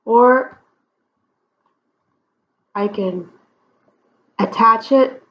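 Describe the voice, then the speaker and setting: A patient woman teaches Spanish grammar at a whiteboard, her voice a little high and her pacing drawn out. She explains slowly and deliberately, often checking in with "okay?" The recording is dull and lo-fi.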